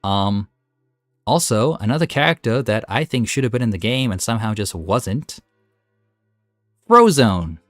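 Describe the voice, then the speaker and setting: Low-voiced, opinionated gaming commentator man. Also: moderate pace, no echo, clean studio sound, faint music behind. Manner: enthusiastic, opinionated and chatty. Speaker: gaming video host. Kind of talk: casual tier-list commentary.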